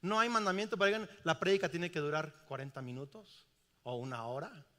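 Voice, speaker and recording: A man's voice: on the high side, a little fast, pushed and bright. A middle-aged man preaching a sermon to a congregation, asking them rhetorical questions. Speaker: pastor. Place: large church auditorium. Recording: long hall reverb.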